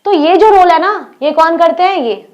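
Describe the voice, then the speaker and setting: Her pitch is extremely high, yet the tone leans darkish. This young teacher with an Indian accent walks students through an English textbook story in Hindi, slowly reading the English and quizzing the class.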